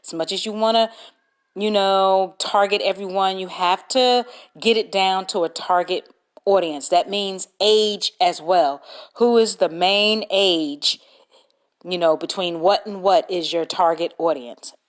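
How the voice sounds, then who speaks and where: A woman hosts a solo podcast at an unhurried, measured pace. Her voice sits at an ordinary middle pitch, and she works through her tips step by step, spelling out names letter by letter. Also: steady tone. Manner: slow, deliberate, reads points aloud and spells words out. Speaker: podcast host. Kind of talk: solo podcast talk giving business tips.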